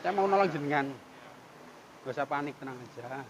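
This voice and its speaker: A man talks calmly and coaxingly to someone on a roadside, repeating soothing phrases. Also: fairly high pitch, fairly quick, highs cut off. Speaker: volunteer caring for a homeless man. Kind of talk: filmed street outreach, talking to a man on camera. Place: roadside outdoors near a market. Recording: outdoor traffic and insect noise.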